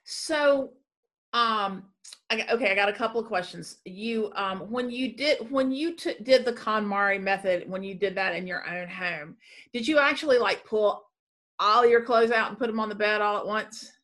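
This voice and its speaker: A woman's voice: mid-range voice, moderate pace, a bit bright. A woman hosting an interview podcast, upbeat and enthusiastic, often restarting her questions. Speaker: podcast host. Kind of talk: casual interview chat.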